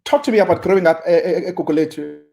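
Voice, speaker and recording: High-voiced stammering male interviewer. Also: rapid-fire, vocal fry, warm tone. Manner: hesitant, stammering repeated words before questions. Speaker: interviewer host. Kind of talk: casual interview.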